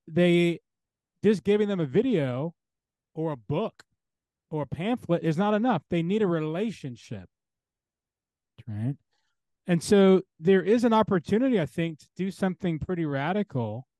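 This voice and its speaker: Brief: male interview guest, theologian, emphatic and insistent, stacks phrases in a row, fairly high voice, dry close sound. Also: warm tone, dry recording. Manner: emphatic, builds points through repeated parallel phrases. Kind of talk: earnest interview talk.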